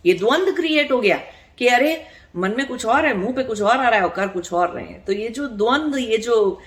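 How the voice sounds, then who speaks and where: Woman spiritual teacher, slightly high voice, earnest and explanatory, leans on rhetorical questions. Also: lively intonation, normal speed. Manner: explanatory, asks rhetorical questions and checks in with the listener; earnest, repeats words for emphasis. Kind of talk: spiritual discourse.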